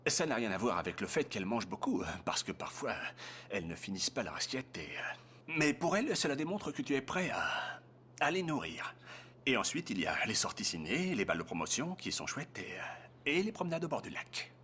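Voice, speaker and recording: Awkward, hesitant dad, lively pitch. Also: male voice, a little fast. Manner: hesitant, fumbling. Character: awkward, well-meaning dad giving advice. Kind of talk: French-dubbed film dialogue. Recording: faint background noise.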